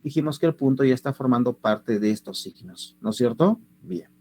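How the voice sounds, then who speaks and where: A man's voice: mid-range voice, moderate pace, darkish tone. A man teaching an online class. He asks his students lots of rhetorical questions.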